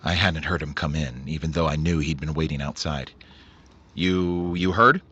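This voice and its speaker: A man playing a measured, wry noir detective, a principled investigator narrating his case in an old-time radio drama. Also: very deep voice, sharp tone, slightly rough, dull audio, exaggerated voice. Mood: grave, probing.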